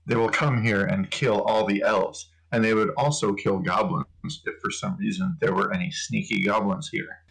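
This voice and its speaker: A man voicing a grave male elf who calmly warns of danger. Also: fairly low pitch, normal speed, creaky, poor audio.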